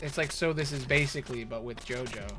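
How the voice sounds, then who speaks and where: A man's voice: mid-range voice, fairly quick. A man doing casual, sweary, joking commentary as he streams a video game. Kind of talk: casual gaming commentary and chat. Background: music, clearly heard.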